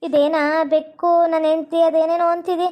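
Woman doing a fussy old village granny, very high voice, rapid talk. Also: level tone, warm tone. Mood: soothing. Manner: fond scolding, soothing repetition. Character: old village grandmother, fussing and consoling.

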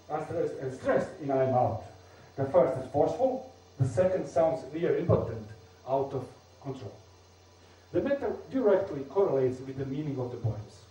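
A man's voice: fairly high pitch, dark tone. Bosnian-native guy lecturing on poems in a big echoey hall, mic far off, lots of uh's. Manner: explanatory, with frequent fillers and restarts. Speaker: university lecturer. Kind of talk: academic lecture on poetry. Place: university amphitheater.

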